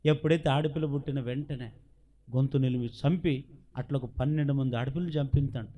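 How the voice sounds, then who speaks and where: A man's voice: medium pitch, steady tone, brisk, muffled recording. A man with a Telugu accent preaching a sermon as pastor, asking the congregation questions and acting out the voices in the story he tells. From India. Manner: preaching with rhetorical questions, acting out quoted dialogue.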